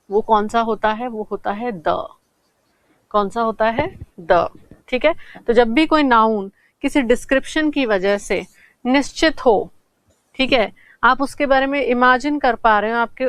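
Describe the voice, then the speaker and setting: A woman teaching English grammar in a classroom-style lesson. She asks questions and answers them herself, and slows down to spell out English example sentences. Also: a little high, clean tone, no echo.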